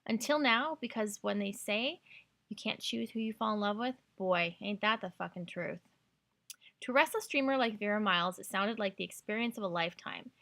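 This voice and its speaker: A Canadian woman hosts a book recommendation podcast, gushing with enthusiasm as she talks casually and reads out blurbs and quotes. Her mid-range voice is pushed and bright, with vocal fry, at normal speed.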